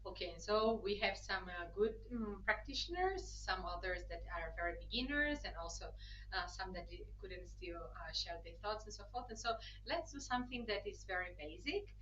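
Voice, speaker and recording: A woman from Brazil, interpreting and moderating an online teaching session, explaining patiently with restarts and quick checks. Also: medium pitch, big pitch swings, a bit bright, highs cut off, slight background noise.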